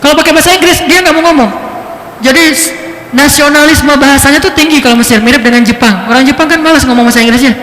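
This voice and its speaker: A man giving a religious lecture, telling stories with lively shifts in pitch. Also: quick pace. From Indonesia. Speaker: preacher. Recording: echoey hall.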